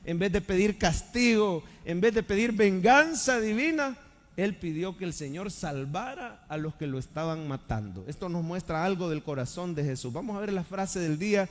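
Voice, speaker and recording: A man's voice: sits high, expressive, normal speed. A male pastor preaching a live church sermon, reading scripture, praying and swelling into dramatic emphasis as he addresses the congregation. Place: church sanctuary. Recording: long church-hall reverb.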